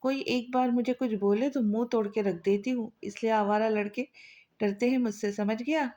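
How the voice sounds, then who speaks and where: A woman voicing a bold, sharp-tongued young woman who teases and bosses others, in a storybook reading. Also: a little high, fairly even intonation, normal speed, lightly acted. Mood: teasing. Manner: bossy, teasing.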